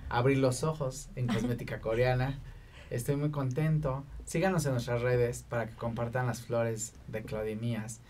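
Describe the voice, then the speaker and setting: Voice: medium pitch, fairly even intonation, normal speed, few pauses, a little mellow, slight background noise. A talk show host, hosting in a casual, effusive and informal way.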